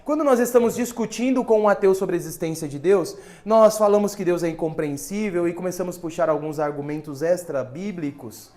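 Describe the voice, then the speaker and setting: A man preaching as a pastor in a church, animated and conversational, mixing scripture reading with humor. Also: high voice, brisk, few pauses. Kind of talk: sermon. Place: church sanctuary.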